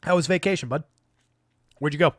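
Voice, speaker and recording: A fairly high-pitched man speaks a little fast, with no room sound in the recording. He hosts a live fantasy basketball stream where he improvises analysis and replies to chat in a dry, chatty manner.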